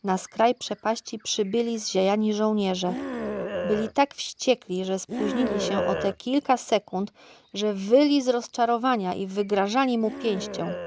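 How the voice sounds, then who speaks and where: A woman narrating a children's audiobook in a calm, clear storytelling voice. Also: mid-range voice. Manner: calm, even, clear reading.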